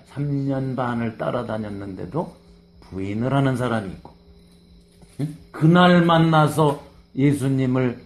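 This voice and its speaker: This pastor's voice sits at a medium pitch with a creaky quality. Delivering a sermon, he walks through scripture in a chatty way, acting out quoted lines with animation and dropping in conversational asides.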